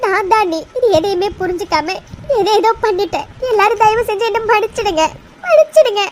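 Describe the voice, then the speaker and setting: A woman's voice: extremely high pitch, normal speed, slight background noise. A woman doing a sobbing, begging mother. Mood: relieved tearful. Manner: sobbing, imploring. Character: desperate mother begging for her daughter. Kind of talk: cartoon voice acting.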